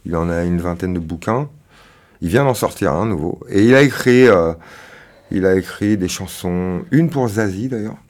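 A man from Canada, a singer-songwriter guest, talking casually on a radio show with frequent hesitations and trailing off softly. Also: low voice, moderate pace.

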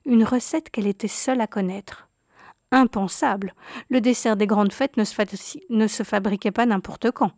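A woman narrating a childhood memoir story in a calm, measured reading voice. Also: mid-range voice, no echo, clean studio sound.

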